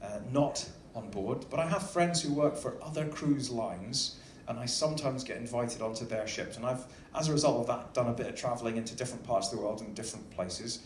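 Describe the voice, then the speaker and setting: A man speaking as an upbeat cruise director, giving a joking welcome speech to a live audience over a microphone. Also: mid-range voice. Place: large indoor ship venue with audience. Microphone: stage microphone. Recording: roomy echo, faint background noise.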